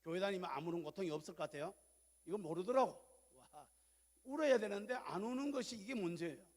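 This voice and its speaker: A man preaching a sermon as pastor in a church, swinging from loud exhortation to quiet, confiding asides. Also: sits high, animated, fast talker. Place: large church sanctuary. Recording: long church hall reverb.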